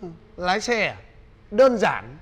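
A man playing a boastful young laborer who brags loudly. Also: high voice, very animated, measured pace, slightly rough, heavily acted. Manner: bragging, bossy, loud. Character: boastful broke male laborer, young adult.

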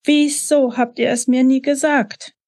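A woman's voice: high voice, fairly even intonation, a little slow, darkish tone, dry recording, studio quality, pitched above the performer's own voice. A woman reading the part of a 22-year-old daughter, hurt and furious, in a bitter accusing tone. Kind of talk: author reading her novel.

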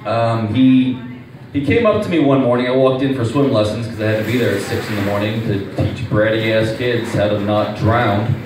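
A man's voice: lowish voice, normal speed, background noise. A young adult male stand-up comedian telling exasperated, profane stories at an open mic. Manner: animated, profane, exasperated storytelling. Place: small comedy club stage. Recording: echoey room, distant mic, faint ambience.

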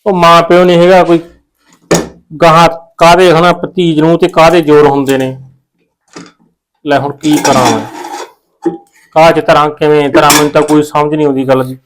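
A man's voice: on the high side, little pitch movement, normal speed, long pauses, slight background noise, lightly acted. An actor playing a worried village man with a Punjabi accent, muttering to himself. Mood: fretting. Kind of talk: village short film acting.

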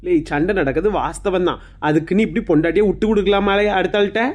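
A woman's voice: on the low side, quick pace, darkish tone, voice pushed down, lightly acted. A woman with a Kanyakumari Tamil accent voicing a blunt older neighbor woman who scolds a young husband. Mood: scolding. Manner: blunt, chiding.

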